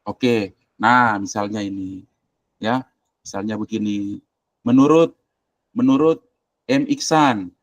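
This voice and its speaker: This lowish male voice takes its time, leaving long pauses, and carries no echo. He's a university lecturer doing informal screen-share tutoring on a video call, colloquial and directive, bluntly telling the viewer what to do as he clicks and thinks aloud.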